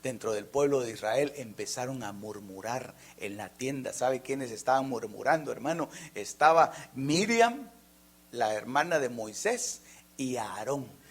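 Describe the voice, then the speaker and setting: A man preaching a fervent sermon, jumping from loud emphatic lines to near-whispers and often addressing listeners as brother. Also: mid-range voice, expressive, a little slow, husky. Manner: keeps calling listeners "hermano".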